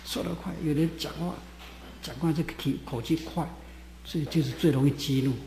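A man's voice: fairly high pitch, fairly even intonation, brisk, dark tone, slight background noise. Man preaching in an echoey hall. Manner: folksy Bible teaching with many "ah" fillers. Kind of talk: sermon. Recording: echoey hall with faint ambience.

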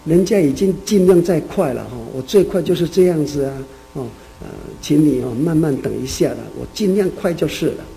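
A man's voice: a little high, a little fast, gravelly, warm tone, a little hiss or hum, low-quality recording. A man voicing a meek, tearful snail that pleads and apologizes in a storybook tale told from the pulpit. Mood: pleading.

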